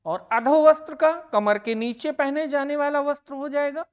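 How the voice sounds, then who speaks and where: This female teacher leads a grammar lesson for exam preparation in a voice that sits high. She takes her time, saying each answer word twice and stressing it so students catch it.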